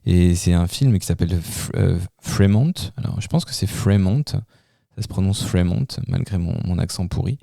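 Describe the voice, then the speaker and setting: Male radio host, gravelly, dry studio sound, hesitant and casual. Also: sits low, moderate pace, dark tone, dry recording. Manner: hesitant, with many fillers and restarts. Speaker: radio host presenting music. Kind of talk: casual radio music commentary.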